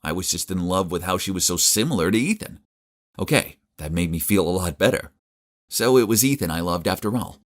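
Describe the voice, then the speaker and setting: Deep-voiced young man narrating a story. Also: animated, a little fast. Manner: confiding, dramatic. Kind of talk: first-person story narration.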